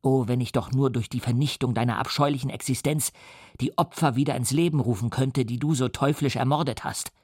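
A man's voice: mid-range voice, steady tone, a little fast, breathy edge, dry recording, clean studio sound, natural voice. A man playing an enraged young male scientist in an audiobook, declaiming furiously. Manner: furious declamation, some lines hushed.

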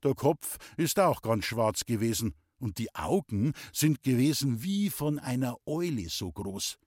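A man's voice: medium pitch, a little mellow, breathy edge, no room sound, studio quality. A man narrating a story in the first person with a playful, boyish manner and a light tinge. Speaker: audiobook reader.

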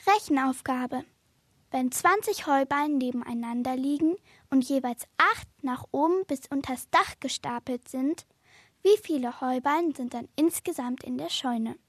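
A woman reading quiz questions for children in a deliberate, measured way. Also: high-pitched, a bit bright, no echo, clean studio sound. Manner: slow, deliberate. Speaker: quiz reader.

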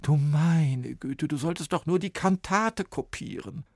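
A man voicing a flustered, reproachful woman from an orchestra in a storybook reading, speaking in a high, raised voice. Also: expressive, slow pace, gravelly, no room sound, studio quality, heavily acted.

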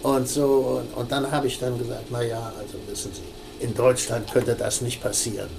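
Halting older man recalling his past. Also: mid-range voice, little pitch movement, creaky, background noise. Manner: halting, many restarts and fillers. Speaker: interviewee. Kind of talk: recalled personal story.

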